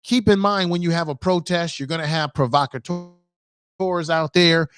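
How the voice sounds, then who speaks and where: A man's voice: on the high side, moderate pace, a bit bright, faint music behind. A man hosting a live stream with casual, conversational commentary, repeating points for emphasis.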